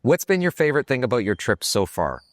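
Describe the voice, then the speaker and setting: A man's voice: mid-range voice, very animated, quick pace, no room sound, clean studio sound. A man hosting a podcast, talking in a reflective, searching way with many fillers. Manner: reflective, hesitant, many "you know"s. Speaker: podcast host. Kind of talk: casual podcast conversation.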